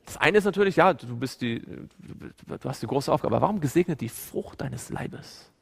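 A man's voice: fairly high pitch, moderate pace, vocal fry, slightly rough. A man preaching a Bible study sermon and asking his listeners questions as he tells the story. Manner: asks the audience questions, animated storytelling. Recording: long hall reverb.

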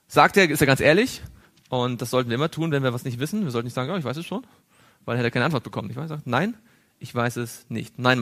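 A man's voice: fairly high pitch, a bit bright. A man teaching a Bible study to a group, drawing on a board as he goes, asking questions and chuckling now and then. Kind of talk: interactive Bible study lesson.

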